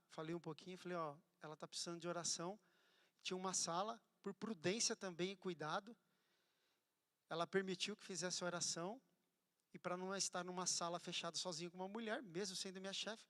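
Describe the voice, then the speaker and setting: A man preaching a sermon, telling a story with animated swings from loud to hushed. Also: sits high. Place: church hall. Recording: church hall with long reverb.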